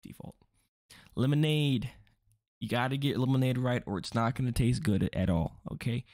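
A man's voice: mid-range voice, moderate pace, a little mellow, no room sound, studio quality. A young man rambling through a casual commentary video, joking and interrupting himself often. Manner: rambling, self-interrupting, jokey asides. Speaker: vlogger.

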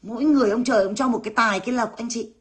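A brash woman, delivering a blunt, foul-mouthed rant straight to her viewers. Her voice sits a little higher than most women's, and her talk is rough and unfiltered. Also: very fast. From Vietnam. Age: 30s. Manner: blunt, brash, swears freely. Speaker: vlogger. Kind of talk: ranting monologue to viewers.

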